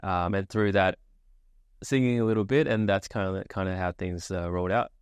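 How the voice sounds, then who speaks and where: A young Sri Lankan man, a guest who founded an agency, answers interview questions in a relaxed, easygoing way, using lots of fillers and frequently restarting sentences. His very low voice is smooth and resonant, at a moderate pace. The recording is dry and close, with no room sound or echo.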